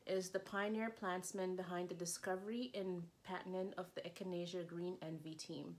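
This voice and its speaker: A young woman vlogging an unboxing in a chatty, excitable way, full of "like" fillers. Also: fairly low pitch, normal speed. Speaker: beauty vlogger. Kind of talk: casual unboxing chat.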